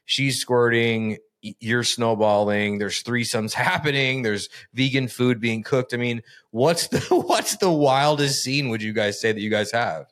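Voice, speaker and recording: A man's voice: mid-range voice, a little slow, hardly any pauses, fairly bright tone. A man hosting a podcast interview, asking blunt, crude questions with a laugh. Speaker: podcast host. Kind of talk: casual interview.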